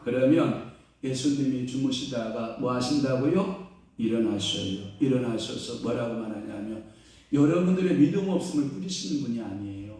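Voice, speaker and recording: A male pastor preaching a sermon, quizzing the congregation with questions and swinging between hushed and loud exclaiming. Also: medium pitch, moderate pace. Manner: call-and-response questions to the congregation. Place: church sanctuary. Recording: echoey church hall, distant mic.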